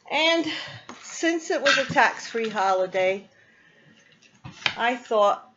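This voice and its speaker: A woman vlogger chatting casually through an unboxing, thinking aloud with little ums as she goes. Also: fairly high pitch. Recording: slightly muffled with faint noise.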